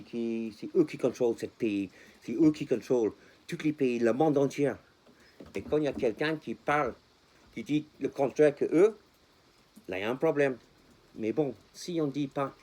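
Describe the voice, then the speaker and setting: A man's voice: mid-range voice, dark tone. A man vlogging casually to his viewers in French with a non-native accent, speaking passionately, repeating himself and dropping English words in. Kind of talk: casual talk to camera.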